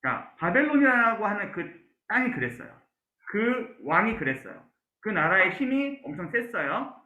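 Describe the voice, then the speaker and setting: Animated high-voiced male pastor teaching. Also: normal speed. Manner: frequent "자" and "네" fillers, asks the class questions. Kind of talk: Bible class lecture. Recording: roomy, dull lo-fi sound.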